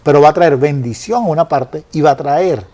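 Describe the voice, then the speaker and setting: A man earnestly explaining Bible passages in a conversational study, often pausing with fillers and restarting phrases. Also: fairly high pitch, a little mellow. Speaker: Bible teacher.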